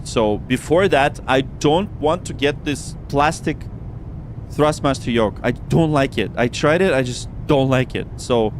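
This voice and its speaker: A man's voice: mid-range voice, unhurried, a little hiss or hum. A man hosting a casual flight simulator livestream, talking informally and often repeating his words. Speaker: livestream host.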